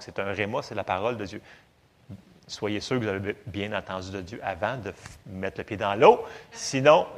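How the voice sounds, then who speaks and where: A man with a Quebec French accent preaching a sermon, conversational and animated, with sudden loud bursts. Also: medium pitch. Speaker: pastor.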